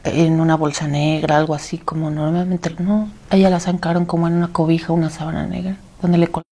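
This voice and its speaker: Grieving Mexican woman, gravelly low voice. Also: flat delivery, warm tone. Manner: halting, tearful, often sinking to a whisper. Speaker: bereaved mother. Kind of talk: personal testimony.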